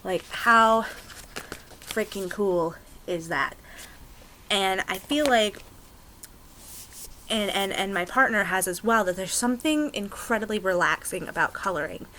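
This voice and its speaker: Young american woman rambling to her camera, bright voice, lots of ums, gets excited. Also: medium pitch, measured pace, pauses often, a little hiss or hum, rough recording. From United States. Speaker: pagan vlogger. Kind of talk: casual chat to camera.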